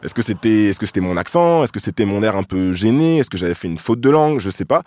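A man from France hosting a podcast, telling a personal story in a reflective, thoughtful way with soft hesitations. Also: fairly low pitch, very animated, fast. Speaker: podcast host.

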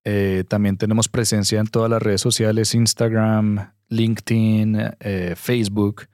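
A man's voice: on the low side, level tone, unhurried, darkish tone, dry recording, clean studio sound. A man, a guest on a podcast, talking earnestly and emphatically as he gives direct advice. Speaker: guest investor. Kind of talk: conversational podcast interview.

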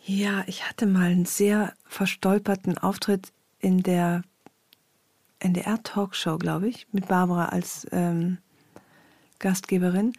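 A woman hosts an interview podcast, recorded close and dry with no room echo. She asks questions attentively and answers her guest with steady affirming interjections. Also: on the low side, a little slow. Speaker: podcast host. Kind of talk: interview conversation.

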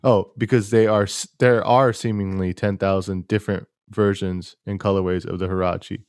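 A young man hosts a casual podcast in a low, fairly monotone voice. He rambles along in a laid-back way and leans on plenty of fillers. The recording is dry and close. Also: normal speed, clean tone, dry recording, faint music behind. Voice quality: self-described monotone voice. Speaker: podcast host.

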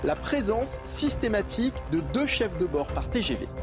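A man with a high voice reads the news headlines in a brisk, formal newsreader style. A clear music bed runs underneath him. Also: sing-song. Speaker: news anchor reading headlines.

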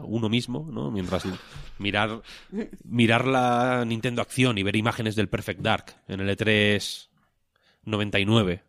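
A man's voice: on the low side, fairly bright tone, no room sound, studio quality. A man in his thirties, chatting casually on a podcast in a rambling, self-mocking way and swearing freely. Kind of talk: casual chat.

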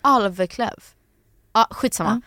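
A woman's voice: fairly high pitch, pushed and bright, no room sound, studio quality. A young woman co-hosting a podcast in casual chat, blunt and teasing, dropping English phrases into her talk. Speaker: podcast co-host.

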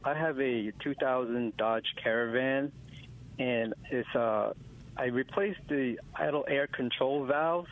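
A man calling into a radio show over the phone, asking a question in a hesitant, polite way. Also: medium pitch. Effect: heard over the phone. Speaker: caller. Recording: tinny phone line, faint hiss.

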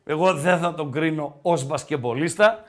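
A man hosting a podcast, talking sport in a casual, joking, animated way. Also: a little high. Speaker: podcast host.

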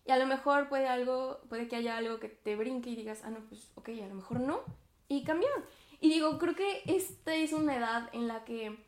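A woman in her 20s hosts a podcast, musing aloud in a chatty, reflective monologue full of fillers and self-conscious little laughs. Her voice sits on the high side, her pace is moderate, and the sound is roomy.

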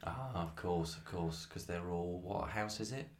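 A man chatting casually as a hobby podcast co-host, recorded in the echoey hallway of a flat. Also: deep voice, a little slow.

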